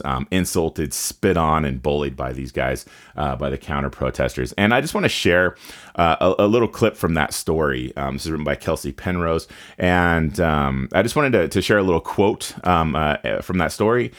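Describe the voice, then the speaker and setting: A man giving heated opinion commentary, indignant and halting, with many fillers and restarts. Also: a bass voice, fairly bright tone.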